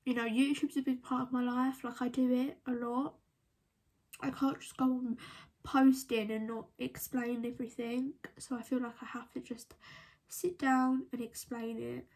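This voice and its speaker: A vlogger tells a personal story to camera, crying and struggling to hold back tears. Her speech is halting and breaks into whispers, and her voice is on the high side and a little mellow.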